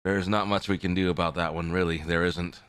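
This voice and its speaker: A man's voice: sits low, little pitch movement, a little fast, a bit bright, clear, resonant tone, no echo. A man chatting casually on a livestream as the host, rambling and often repeating his phrases. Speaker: live streamer, VTuber host. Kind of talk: casual livestream chat with viewers.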